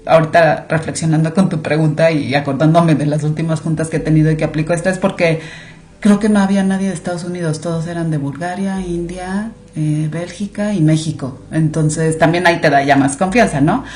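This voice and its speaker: Speaking Spanish with a Mexican accent, this podcast guest, who directs clinical monitoring, keeps the interview casual and lively, full of fillers. She has a low voice and a darkish tone.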